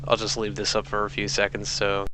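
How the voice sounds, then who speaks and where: A man's voice: lowish voice, completely flat delivery, fairly quick. Guy rambling jokes over his gameplay, old noisy recording. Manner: rambling, jokey and offhand. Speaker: let's play commentator. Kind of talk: rambling let's play commentary.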